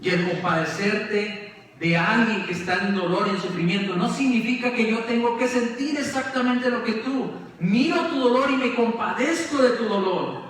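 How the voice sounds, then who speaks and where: A man preaching a sermon in a church, his voice high and bright and far from the mic. Long reverb fills the hall, with faint room noise behind him. He swings from raised questions to hushed, low emphasis. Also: moderate pace. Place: church sanctuary.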